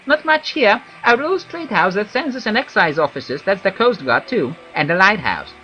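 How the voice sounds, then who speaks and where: A man's voice: sits high, animated, normal speed, pushed and bright, muffled recording, voice pushed up. A man voicing a chatty, nervous wood elf commoner from a video game in a perky, gossipy christmas elf manner. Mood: chirpy, informative. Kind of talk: video game character read aloud.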